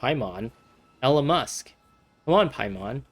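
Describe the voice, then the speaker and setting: Very deep-voiced woman streamer. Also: expressive, a little slow, faint music behind. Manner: chatty, filler-heavy, reacts out loud. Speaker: gameplay commentator. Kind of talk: casual playthrough commentary.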